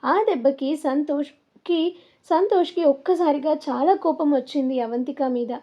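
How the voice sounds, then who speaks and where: A woman narrating a serialized audio story in a steady, plain storytelling manner. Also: sits high, normal speed. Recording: dull lo-fi recording.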